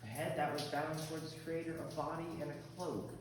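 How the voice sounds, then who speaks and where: A man's voice: on the high side, fast. A man working as an echoing cave guide, explaining formations step by step to visitors in an informal, accommodating way. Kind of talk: guided tour commentary with informal asides. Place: inside a cave. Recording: very echoey cave, long reverb, clear background noise.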